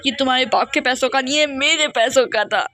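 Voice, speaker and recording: A woman's voice: high voice, fairly quick, close to an everyday voice. A woman voicing a cruel, scheming stepmother in a life-sim game story, speaking in a harsh, accusing and threatening way.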